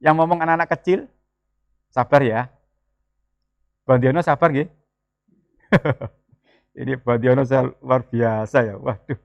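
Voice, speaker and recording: A man, preaching a sermon in a lively, joking way and mixing in words. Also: medium pitch, a little slow, creaky, pauses often, dry recording, lo-fi sound. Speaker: pastor. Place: church.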